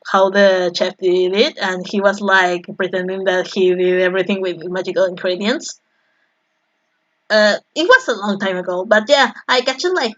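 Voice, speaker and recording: A woman's voice: medium pitch, a bit bright, lo-fi sound. Rambling Peruvian-accented woman streaming. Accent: Peruvian Spanish. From Peru. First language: Spanish. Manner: rambling, chatty, friendly thanks to viewers. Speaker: artist live-streaming her painting. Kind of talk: casual live-stream chat. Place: home art studio.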